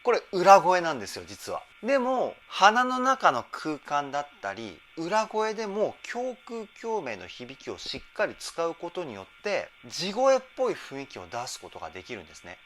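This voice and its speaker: A man working as a vocal trainer, giving enthusiastic reaction and vocal analysis commentary and breaking into short sung demonstrations and falsetto examples. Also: wildly swooping pitch, moderate pace, hardly any pauses, fairly bright tone, a little hiss or hum.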